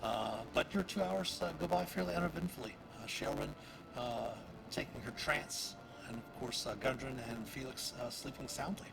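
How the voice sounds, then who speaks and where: A man narrating as dungeon master of a tabletop game, halting with many fillers. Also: medium pitch, creaky. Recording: noisy stream audio.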